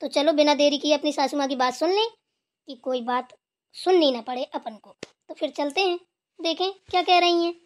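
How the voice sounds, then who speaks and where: A dutiful young cartoon daughter-in-law talks with earnest, sweet obedience, voiced by a woman. Her voice sits very high, almost childlike. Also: normal speed, close to an everyday voice. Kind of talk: cartoon voice acting.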